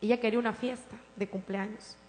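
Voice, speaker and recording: A woman pastor preaching a sermon in a church, swinging from impassioned declarations to soft, tender storytelling. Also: on the high side, steady tone, fast talker. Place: church sanctuary. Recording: reverberant hall with mains hum.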